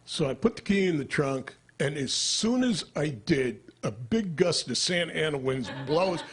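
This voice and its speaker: An older man performing stand-up comedy into a stage microphone, deadpan and dry, jumping into character voices. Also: fairly high pitch, normal speed, husky.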